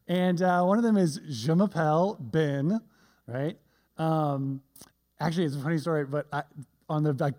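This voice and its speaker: Mellow-voiced man preaching a casual sermon. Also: high-pitched. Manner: conversational, often adds "right?"; self-deprecating humor. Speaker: pastor.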